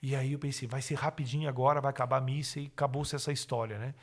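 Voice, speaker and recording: A middle-aged man shares his personal testimony as a podcast guest, animatedly acting out what he and others said. He talks fast at medium pitch.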